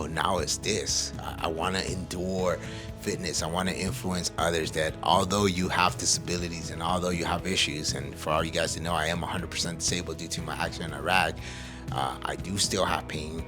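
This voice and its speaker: A low-voiced man from El Salvador hosts a podcast, speaking casually and motivationally in an earnest, emphatic manner.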